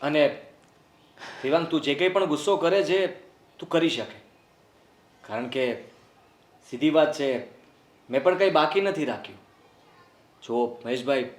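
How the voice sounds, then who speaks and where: A man's voice: a little high, lightly acted. A man playing a remorseful grown son who apologizes sincerely and wants to mend family ties. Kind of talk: family drama acting. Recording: roomy echo.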